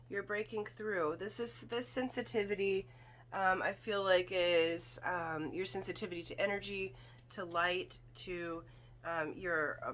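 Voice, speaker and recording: A woman giving a spiritual card reading in casual, halting talk, her throat slightly foggy and congested from irritation. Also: mid-range voice, a bit bright, a little hiss or hum. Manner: halting, thoughtful, often checks with "okay?". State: throat irritated by volcanic fog, occasional coughing and throat clearing. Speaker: tarot and oracle card reader.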